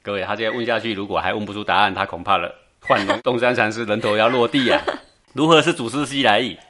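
A man giving a Buddhist dharma talk, telling a Zen tale in an animated way, chuckling and often checking that his listeners follow. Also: fairly low pitch, fast talker. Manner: animated, keeps asking the audience for agreement, chuckles often. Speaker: Buddhist teacher.

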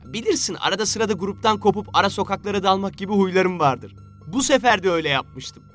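A man's voice: high voice, expressive, fast talker, a bit bright, soft background music, pitched above the performer's own voice. A man voicing a smug, mischievous young man who teases and mocks his friends. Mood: playfully defiant. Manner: teasing and playful.

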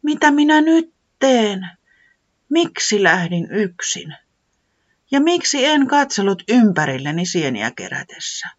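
A storyteller voicing a timid lost woolly forest creature with a high, childlike, trembling voice. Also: expressive, hardly any pauses, bright, forceful tone, husky, highs cut off. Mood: fretful.

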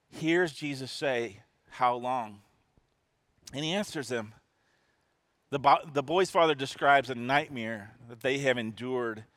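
Slow, earnest male pastor preaching. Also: medium pitch, a bit bright, no echo. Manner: earnest, restarts and repeats words while preaching. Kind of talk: sermon.

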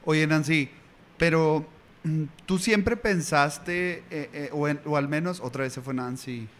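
A man, hosting a casual live interview in a relaxed, joking way. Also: on the high side, a little slow. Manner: relaxed, joking, laughs easily. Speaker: host.

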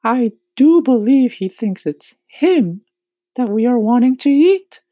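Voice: medium pitch, animated, takes it slowly, no room sound, lo-fi sound, pitched above the performer's own voice. A performer voicing a kindly, motherly female ladybug in a storybook, reassuring and gushing. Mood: pitying.

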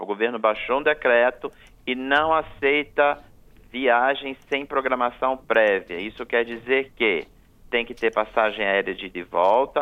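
Guy on a tinny phone line laying down travel rules, firm and patient. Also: mid-range voice. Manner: explanatory, firm, repeats rules. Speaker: travel expert guest. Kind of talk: radio interview.

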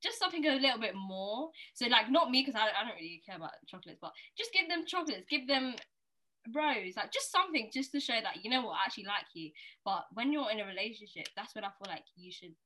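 A young woman casually explaining her opinion in a group discussion, softening it as she goes. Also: fairly high pitch, animated, fast talker. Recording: clearly noisy, with clicks.

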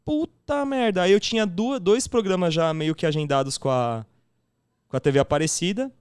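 A São man in his thirties spins an animated story, jumping into the voices of the people in it. His voice sits a touch high and comes across smooth and clear, recorded close and dry. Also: brisk, dry recording. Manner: animated, acts out quoted dialogue with slangy fillers. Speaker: chef and TV cooking show host, podcast guest. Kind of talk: casual storytelling chat.

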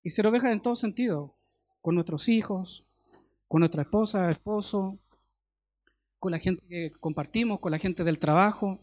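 A middle-aged man with a Chilean accent, preaching a sermon in a conversational way with homely stories and quick questions to his listeners. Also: sits high, a little mellow.

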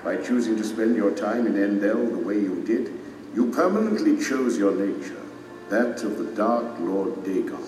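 Majestic stern king played by a man: low, solemn, declamatory, audio drama, cavernous echo. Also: animated, normal speed, a little mellow, slight background noise, lightly acted. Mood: commanding, grave. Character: majestic stern king and divine judge pronouncing sentence. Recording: echoey reverberant hall, distant, music underneath. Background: dramatic music.

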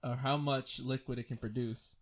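A man's voice: medium pitch, steady tone, moderate pace. A young man co-hosting a casual podcast, laid-back, explaining things in a matter-of-fact way. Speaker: podcast co-host. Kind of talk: casual chat.

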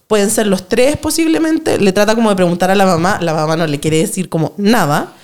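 A woman's voice: medium pitch, brisk. A woman with a Chilean accent, chatting casually on a podcast and retelling a film with acted-out quotes and lots of slang. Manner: animated storytelling with acted quotes and swearing. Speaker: podcast host. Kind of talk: casual chat.

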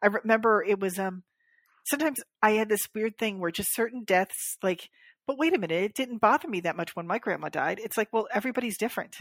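Woman, podcast co-host, casual chat, lively storyteller, plays out quoted voices, mid pitch, dry close sound. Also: fast talker, no room sound.

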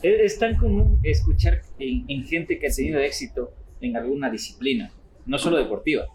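A man's voice: medium pitch, normal speed, darkish tone, faint music behind, low-quality recording. A man hosting a casual interview, reacting with short remarks and asking follow-up questions. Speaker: host.

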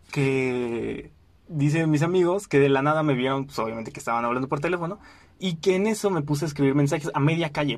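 Young man, Mexican accent, casual storytelling, animated, dry close sound. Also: on the high side, no room sound. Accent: Mexican Spanish. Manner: animated, acts out quoted voices, frequent fillers. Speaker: podcast host.

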